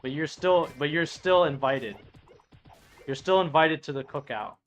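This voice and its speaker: Playing an online game on stream, a man in his late thirties chats casually, reading viewer messages aloud as he rambles, swears, and keeps restarting sentences. His voice is fairly high and a little slow, with soft music in the background.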